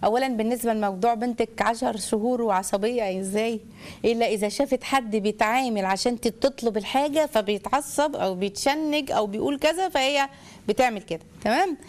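A woman's voice: on the high side, fairly quick. A middle-aged woman with an Egyptian accent hosting a call-in advice show, talking directly and coaching callers, often acting out little scenes. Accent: Egyptian Arabic. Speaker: host giving family advice to callers.

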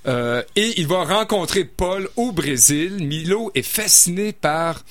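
A man's voice: sits high, lively intonation, takes it slowly, a bit bright, no room sound. A man reviewing novels in casual radio chat, hesitant, with many fillers and restarts. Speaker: book reviewer.

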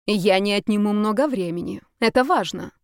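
A woman voicing a desperate, obsessed young woman who speaks loudly and urgently, in an audiobook reading. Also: mid-range voice, normal speed, clear, resonant tone, dry recording, studio quality, lightly acted. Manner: loud, pleading, urgent.

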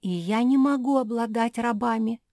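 A woman voicing a timid, tearful female liar creature who sobs and frets in a high voice. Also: moderate pace, darkish tone, no room sound, studio quality, lightly acted. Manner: sobbing, shrill, fretful.

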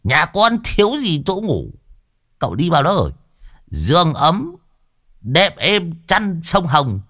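A man's voice: fairly high pitch, huge pitch swings, slow, bright, forceful tone, dry recording, studio quality, pitched above the performer's own voice, heavily acted. A man doing a jittery boastful old man. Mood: boastful teasing. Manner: stammering, wheedling, jokey.

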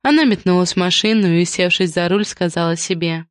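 A woman narrating an audiobook in a measured, even storytelling manner. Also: on the low side, smooth, dry recording, clean studio sound. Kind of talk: scripted narration.

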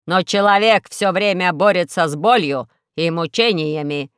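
A theatrical male robot, played by a woman narrator in a storybook recording. He declaims loudly and slowly, heavy with self-pity over his own suffering. The sound is dry and close. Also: lowish voice, smooth, no echo, natural voice. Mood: gloomy. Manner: loud, slow, solemn declaiming. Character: dramatic male robot who longs to suffer.

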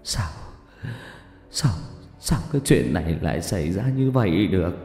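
A man's voice: lowish voice, sing-song, moderate pace, a little mellow. A man voicing a stingy, secretive old village landowner who talks brusquely, recorded in an echoey room with faint music. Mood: stammering. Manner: brusque, stammering.

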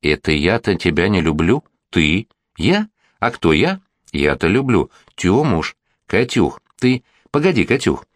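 A man's voice: sits low, big pitch swings, unhurried, no room sound, clean studio sound. A man reading the lines of a chattering, plaintive woman artist in an audiobook, rambling and repeating herself.

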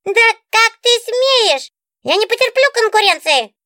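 A woman's voice: very high-pitched, sing-song, measured pace, bright, forceful tone, no echo, studio quality, voice pushed up, heavily acted. A woman voicing a capricious female talking book, a pouty diva with an affected, whiny way of talking. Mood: indignant. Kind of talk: audiobook character voice.

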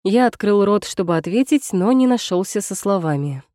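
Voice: medium pitch, lively intonation, moderate pace, mellow, dry recording, studio quality. An audiobook narrator reading a first-person romance in a tense, brooding, dramatic way.

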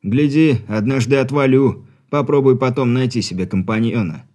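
A man's voice: medium pitch, normal speed, darkish tone, natural voice. A man doing a grumbling, touchy mercenary.

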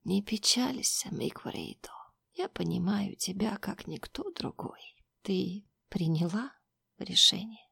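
A woman voicing a kind, soothing older woman in an audiobook, speaking in soft whispers. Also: mid-range voice, animated, measured pace, gravelly, husky, no room sound, studio quality, exaggerated voice.

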